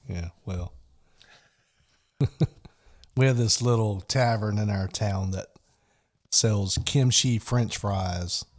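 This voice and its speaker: Slow-talking wisecracking male co-host. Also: fairly low pitch, darkish tone. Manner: dry wisecracks, often laughing. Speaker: podcast co-host. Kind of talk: casual chat.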